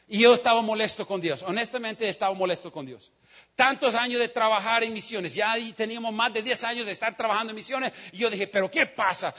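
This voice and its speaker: A man preaching a sermon, telling a story with passion, dropping to a hush and rising to shouts. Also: very high-pitched, lo-fi sound. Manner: impassioned storytelling, swings from hushed to shouting. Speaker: pastor.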